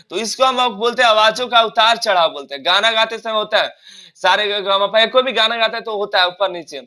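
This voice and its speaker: A young male teacher from India with a Hindi accent runs an exam-prep lesson, posing questions and then answering them himself. He often stumbles and restarts words and reads English questions slowly, one word at a time. His voice sits high and sounds bright and forward.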